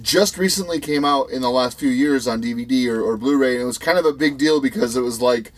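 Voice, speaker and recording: A man co-hosting a relaxed podcast, putting the questions to the others. He rambles, restarts his sentences and fills the gaps with small talk. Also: mid-range voice, a little fast. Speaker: podcast co-host asking questions. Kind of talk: casual podcast chat.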